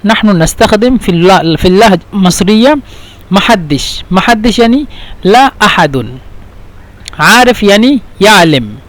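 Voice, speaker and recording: Man, high voice, language teacher, patient and repetitive delivery. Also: lively intonation, a bit bright. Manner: repeats phrases slowly, then translates into Standard Arabic and English. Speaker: Arabic teacher. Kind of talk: language lesson.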